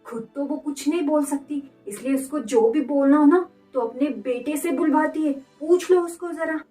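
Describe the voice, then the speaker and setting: A woman's voice: high voice, normal speed, mellow, faint music behind, natural voice. A woman voicing a harsh, scornful middle-aged mother-in-law who scolds shrilly. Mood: complaining. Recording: echoey room, mic at a distance.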